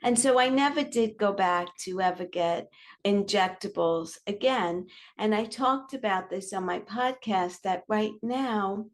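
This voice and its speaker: A woman in her sixties hosting a podcast, introducing the episode in a chatty, candid way. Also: mid-range voice. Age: 60s. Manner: chatty and candid, slow and unhurried. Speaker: podcast host.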